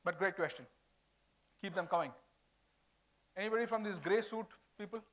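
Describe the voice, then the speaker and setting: A man's voice: high voice, normal speed, fairly bright tone. A man in his forties with an Indian accent, giving an informal, conversational talk on stage as a corporate speaker. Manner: informal, switching between English and Hindi. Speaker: corporate HR speaker at a college event. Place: large auditorium stage.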